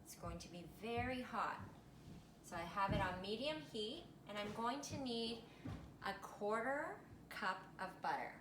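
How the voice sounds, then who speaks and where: A woman's voice: mid-range voice, unhurried. A woman talking like a kids show host, leading children through a cooking lesson in simple, sing-song, teacher-like phrases. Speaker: presenter of a children's cooking video. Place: home kitchen. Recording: echoey kitchen, loud background noise, pan clatter.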